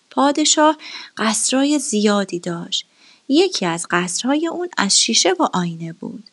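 A woman narrating a fairy tale in a gentle storytelling voice that often drops to a whisper. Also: fairly high pitch.

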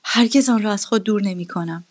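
A woman voicing a selfish, hot-tempered king in a storybook reading, commanding and shrill when alarmed. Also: natural voice. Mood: imperious.

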